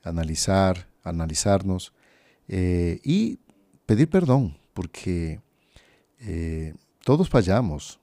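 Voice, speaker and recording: Low, mellow priest talking reflectively. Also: male voice, very animated, takes it slowly, no echo, clean studio sound. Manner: reflective, conversational, often asks "¿no?". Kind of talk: casual podcast conversation.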